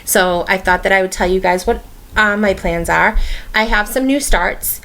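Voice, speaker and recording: With a medium-pitched, somewhat bright voice and a moderate pace, a Boston-accented woman rambles through casual chat on her stitching vlog. She fills her talk with ums and frequently starts over.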